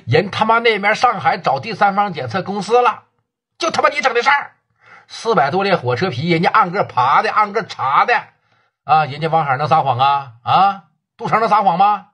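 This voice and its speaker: A man voicing a furious, hot-tempered gang boss who swears and yells threats. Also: a little high, big pitch swings, brisk, pauses often, breathy edge, lo-fi sound, full character voice.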